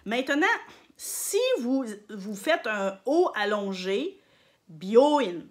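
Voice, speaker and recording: A woman's voice: fairly high pitch, animated, slow pace. A woman, talking casually to camera at home as a vlogger and teaching some Japanese words, hesitant with many fillers and stressing each new word. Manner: chatty, hesitant, frequent fillers, emphatic on vocabulary words. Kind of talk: casual explanatory talk to camera. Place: at home during confinement.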